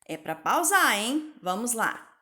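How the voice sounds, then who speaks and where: A woman teaching Portuguese spelling to pupils in a recorded lesson, patient and clear, sounding out each word slowly. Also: a little high, sing-song, pushed and bright, roomy sound.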